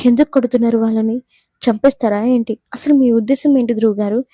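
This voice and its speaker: A woman voicing a young female college student who is defiant and tearful, loud and accusing, in a Telugu audio story. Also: a little high, steady tone, fast talker, dry recording, close to an everyday voice.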